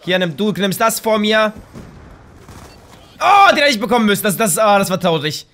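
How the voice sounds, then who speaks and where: A young man with a German accent giving excitable live commentary over a shooter game, trash-talking opponents and breaking into shouts. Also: high voice, moderate pace. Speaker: gaming YouTuber.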